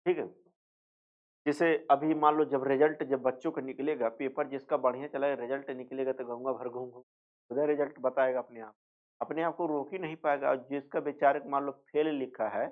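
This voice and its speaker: Male teacher, mid-pitched, drilling exam answers by asking and answering his own questions; thin, phone-like recording. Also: fairly even intonation, moderate pace. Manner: slips into rural dialect for jokes. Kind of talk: exam revision lecture. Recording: tinny phone-like sound.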